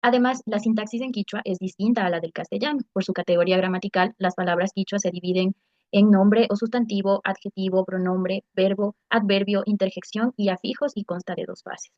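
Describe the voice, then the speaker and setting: A woman's voice: mid-range voice, fairly even intonation, a little fast, darkish tone, no room sound, lo-fi sound. A woman giving a class presentation, reading structured points in an explanatory way. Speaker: student presenter.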